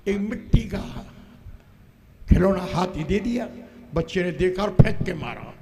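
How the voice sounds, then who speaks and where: A man playing a saint who tells a lively parable, acting out a crying child, and gently refuses a request. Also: high voice, a little slow, noisy background. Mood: storytelling. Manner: animated storyteller, acts out voices. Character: wise saint, storytelling elder. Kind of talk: folk stage play.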